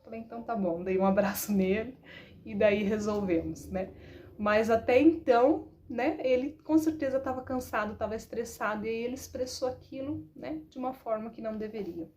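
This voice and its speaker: Chatty Brazilian mother, slightly high voice. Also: normal speed, a little hiss or hum. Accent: Brazilian Portuguese. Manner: chatty, animated, keeps adding "né". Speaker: parenting talk host, mother. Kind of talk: casual storytelling talk.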